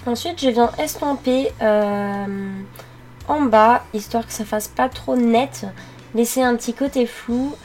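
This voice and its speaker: A young woman narrating her makeup routine step by step, pausing often with fillers as she works. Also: on the high side, a little mellow, soft background music. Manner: halting, many fillers while working. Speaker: beauty vlogger. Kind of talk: makeup tutorial voice-over.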